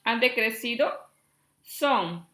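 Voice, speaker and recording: A woman from Chiapas, Mexico, teaching a class and reading out long lists slowly, checking in with her students as she goes. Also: a little high, animated, bright, forceful tone. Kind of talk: classroom lesson. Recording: echoey room.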